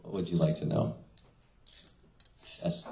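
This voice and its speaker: A middle-aged male translator speaks casually at a reading in a small venue, full of fillers and restarts. His voice is low and dark, with big pitch swings, an unhurried pace, vocal fry, and a little hiss or hum. He sits at a stand mic in an echoey room.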